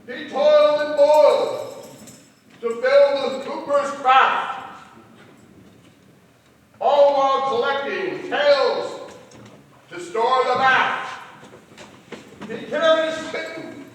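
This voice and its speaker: Male town crier, declamatory and ceremonious, extremely slow delivery, heard from far off in a reverberant hall. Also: extremely high pitch, fairly bright tone. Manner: slow, ceremonious, drawn-out phrasing. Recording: very echoey hall, distant microphone, audience.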